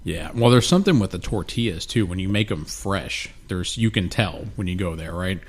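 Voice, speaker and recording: Deep-voiced with lively intonation at a moderate pace, a podcast co-host talks casually, profanely and at rambling length, relaxed throughout. He's close on a studio mic with headphones and comes across a little snotty and nasal.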